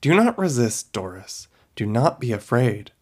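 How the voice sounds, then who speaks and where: A man reading a storybook, voicing an older woman fortune-teller who speaks gently and matter-of-factly. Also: mid-range voice, big pitch swings, measured pace, breathy edge. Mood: knowing, solemn. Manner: gentle, matter-of-fact, grandly solemn.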